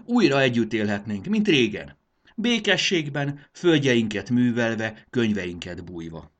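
A man voicing a gentle, earnest male rebel leader who pleads with his cousin in a storybook reading. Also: medium pitch, big pitch swings, voice pushed up, natural voice. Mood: pleading. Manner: pleading, appealing to family ties.

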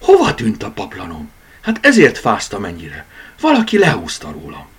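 A man voicing a small sleepy girl who bosses her toys, in a high, breathy child voice. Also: huge pitch swings, full character voice. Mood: indignant.

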